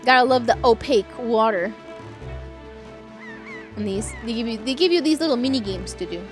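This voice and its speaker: A woman chatting casually and playfully to viewers as she streams a game, with some vocal fry in her voice. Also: on the high side, normal speed. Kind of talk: casual livestream chat over gameplay. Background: game music.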